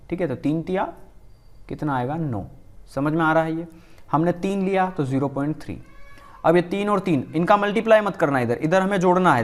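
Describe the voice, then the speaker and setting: A man teaching a math lesson in Hindi-style classroom manner, explaining each step slowly, repeating himself and checking whether students follow. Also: a little high. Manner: coaxing classroom tone, often saying "look".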